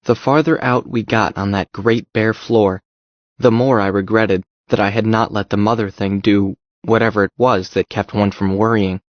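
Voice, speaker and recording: A man giving a steady first-person narration of an audiobook story. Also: on the low side, dry recording, lo-fi sound.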